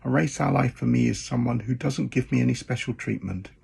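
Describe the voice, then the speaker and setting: A man's voice: medium pitch, brisk, vocal fry, a little mellow, breathy edge. A man born in the UK speaking plainly and firmly in an interview.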